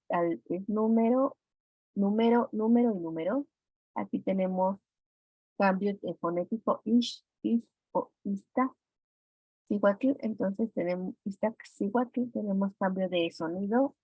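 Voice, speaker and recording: A woman's voice: medium pitch, no room sound. A woman teacher with a Mexican Spanish accent goes through exam answers step by step and calls on students with questions. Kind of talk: classroom exam review. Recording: dry, dull lo-fi sound.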